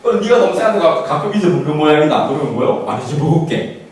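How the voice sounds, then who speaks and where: A man gives a parenting lecture in a high voice and swings his pitch widely. He acts out what a parent or child might say and laughs often. He sounds distant, and the hall's echo is heavy. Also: expressive, racing, a little mellow. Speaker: parenting instructor. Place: lecture room. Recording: echoey hall, far from the mic, faint noise.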